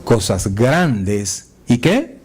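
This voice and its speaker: A man pastor preaching a sermon in church, moving between soft asides and raised, fervent appeals. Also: mid-range voice, very animated, very slow. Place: church sanctuary.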